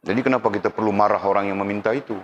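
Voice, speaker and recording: A man's voice: fairly low pitch, fairly even intonation, rapid-fire, dull audio. A male religious teacher gives a casual classroom lecture. He keeps checking that his students understand and teases them with jokes.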